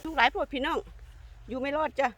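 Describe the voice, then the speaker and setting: Older Isan-accented Thai woman, vlogger, fairly high voice, chatty and friendly with viewers, recorded outdoors in woods. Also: fast talker, slight background noise. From Thailand. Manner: chatty, warmly addresses viewers as kin, sweet polite endings. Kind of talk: casual narrating vlog while foraging. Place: forest outdoors.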